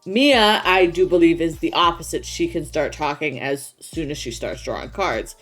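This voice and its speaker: A woman's voice: sits low, lively intonation, moderate pace, fairly bright tone, faint music behind. A woman co-hosting a casual chat show, explaining things informally as she thinks aloud. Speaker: podcast co-host.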